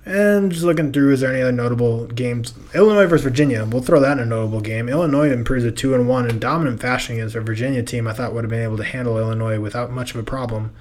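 A man's voice: medium pitch, very fast, hardly any pauses, a little mellow. Rambling young man losing his voice. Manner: rambling, loose. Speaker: podcast host. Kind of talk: casual sports talk.

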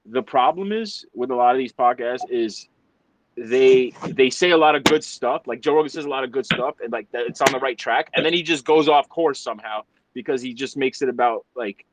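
A young man hosts a casual podcast chat on a group video call, his medium-pitched voice a little fast over some background noise. He rambles and swears, often stumbling and repeating words.

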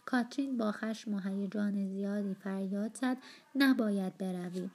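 Mellow, breathy woman narrating a novel. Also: mid-range voice, fairly even intonation. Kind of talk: audiobook narration.

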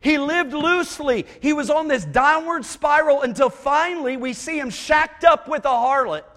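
A very high-voiced man preaching in a hall with a long, ringing reverb. He swings from loud, shouted passages to quiet, hushed asides and slips folksy humor in between. He sounds like a traveling preacher at a camp meeting. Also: normal speed. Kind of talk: sermon.

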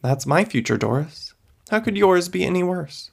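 A man reading a storybook, voicing an older woman fortune-teller who speaks gently and matter-of-factly. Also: high voice, lively intonation, moderate pace, gravelly, pitched above the performer's own voice, heavily acted. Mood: knowing, solemn. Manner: gentle, matter-of-fact, grandly solemn.

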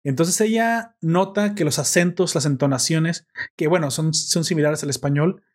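Animated, opinionated man chatting. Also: a little high, normal speed. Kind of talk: casual chat.

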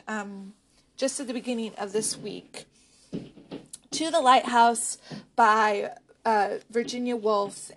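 A woman vlogger chatting casually about books she has read, pausing often with ums and restarting her thoughts. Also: fairly high pitch. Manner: hesitant, with frequent ums and restarts. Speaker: book vlogger. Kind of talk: casual book chat.

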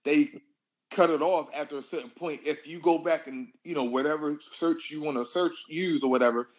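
A man's voice: a little high, fairly quick. Laid-back opinionated man, lo-fi. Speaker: podcast host. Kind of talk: casual chat.

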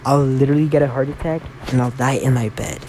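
A man's voice: medium pitch, fast talker, a little mellow, slight background noise. A teenage man from Florida co-hosting a podcast in casual chat, rambling and swearing a lot, mocking himself. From Florida, USA. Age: teens. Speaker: podcast co-host. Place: home bedroom.

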